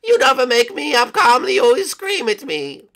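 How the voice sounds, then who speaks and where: A man voicing an anxious, whiny banana guard in a game, wailing in a loud, strained voice. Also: extremely high pitch, huge pitch swings, normal speed, pitched above the performer's own voice, heavily acted. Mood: indignant. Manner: panicky wailing.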